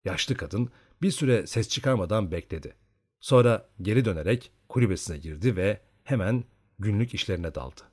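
A man narrating an audiobook in an expressive storytelling manner. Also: fairly low pitch, moderate pace, slightly rough.

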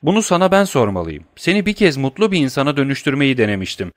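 A man's voice: mid-range voice, sing-song, fast, no echo, pitched above the performer's own voice, close to an everyday voice. A man voicing a stern, commanding nobleman disguised as a priest, reading an audiobook. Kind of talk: audiobook character voice.

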